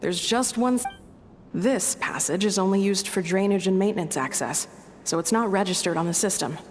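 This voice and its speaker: A woman acting as a resolute, forgiving young game heroine. She speaks in a mid-pitched, sincere and measured voice. A long reverb trails her words. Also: natural voice. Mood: earnest. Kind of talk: fantasy video game acting. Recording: long reverb, faint rumbling noise.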